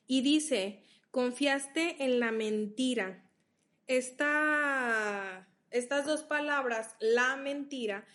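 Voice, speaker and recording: A woman's voice: fairly high pitch, a bit bright. A woman leading a Bible study. She reads verses aloud, explains them patiently and checks in with her listeners.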